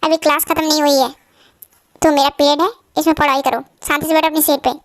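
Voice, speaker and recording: A woman's voice: sits high, level tone, quick pace, no room sound, close to an everyday voice. A woman voicing a strict male college professor in an amateur fan dub, scolding a student. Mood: stern.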